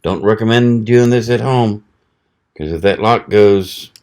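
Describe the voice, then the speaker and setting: Low-voiced man testing a knife, folksy. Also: a little slow. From American South. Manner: relaxed, folksy, thinking aloud while cutting. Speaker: knife reviewer. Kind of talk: casual product test vlog.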